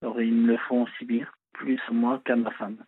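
A man phoning in to a radio show, his voice thin and tinny down a bad line that keeps cutting out. He speaks haltingly, full of hesitations, at an ordinary middle pitch, and the sound is dry with no room around it. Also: flat delivery, breathy edge, dry recording. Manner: halting, hesitant, with many fillers. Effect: poor phone line breaking up. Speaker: radio caller. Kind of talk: phone-in conversation.

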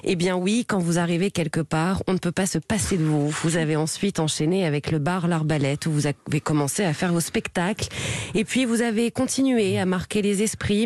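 A woman's voice: on the low side, a little mellow. A woman radio columnist reading a teasing, scripted portrait of a guest on air in a studio. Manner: teasing, playful delivery.

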